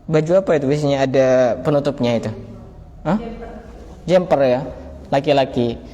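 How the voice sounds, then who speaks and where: Male preacher, mellow higher voice, playful study-circle delivery, echoing hall with faint hiss. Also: moderate pace, muffled recording. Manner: conversational, joking, acts out dialogue with students. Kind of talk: religious study talk. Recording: long hall reverb, faint background noise.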